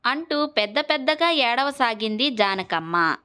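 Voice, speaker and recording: A woman narrating a children's moral story in a steady, expressive manner. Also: a little high, measured pace, clear, resonant tone.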